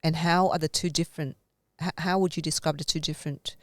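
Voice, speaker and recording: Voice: medium pitch, steady tone, fast talker, no echo, studio quality. A podcast host asking questions in a casual interview, laughing often and searching for words.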